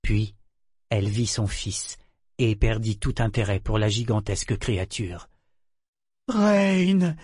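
A man reading a novel aloud as an audiobook narrator, in a measured, even storytelling manner. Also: lowish voice, husky, dry recording, clean studio sound. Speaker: audiobook reader. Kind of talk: scripted narration.

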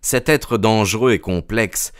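A man giving measured audiobook narration of a classic novel. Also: lowish voice, clear, resonant tone, dry recording, studio quality.

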